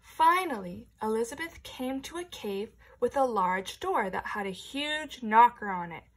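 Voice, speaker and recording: Slow, expressive woman reading to children. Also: fairly high pitch. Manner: expressive storytelling with hushed, whispered asides. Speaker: teacher. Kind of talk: reading a picture book aloud to young children.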